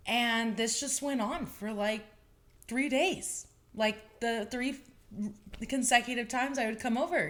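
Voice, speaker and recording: A woman in her twenties hosting her own podcast, telling stories in a chatty, animated way with bits of laughter. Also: a little high. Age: 20s. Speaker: podcast host. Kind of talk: casual podcast monologue.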